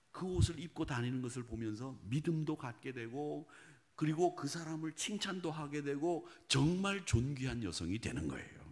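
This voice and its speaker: A man preaching a sermon as pastor, animated and talking straight to his congregation, dropping at times to hushed asides. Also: fairly high pitch. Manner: animated, swings from loud exhortation to hushed whispered asides; talks directly to the congregation with questions. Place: church sanctuary.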